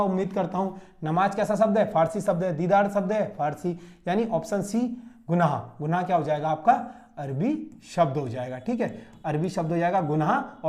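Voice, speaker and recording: High-voiced exam coach drilling answers. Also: male voice, darkish tone. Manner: repetitive drilling, rhetorical questions answered himself. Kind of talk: classroom exam-solution lecture. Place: classroom standing at a board.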